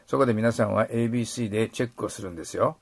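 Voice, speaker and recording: A middle-aged man teaching English pronunciation, modeling sounds and slowly repeating phrases. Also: fairly low pitch, vocal fry, slightly rough, no echo. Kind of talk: explaining pronunciation in a lesson.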